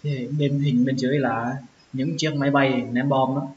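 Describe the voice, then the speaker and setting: A man giving a pronunciation lesson, sounding out each word slowly and repeating it several times. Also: medium pitch, level tone, a little mellow. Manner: slow, drawn-out repetition of words. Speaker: English teacher. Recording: echoey, dull lo-fi with faint hiss.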